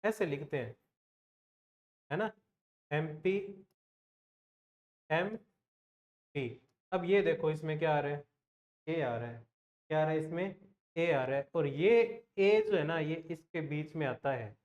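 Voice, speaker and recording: A man's voice: a little high, expressive, a little mellow, muffled recording. Man teaching, asking and answering himself. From Rajasthan, India. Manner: repeats questions to the class and answers them; slows down to spell out and sound out example words. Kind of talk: exam-prep grammar lesson.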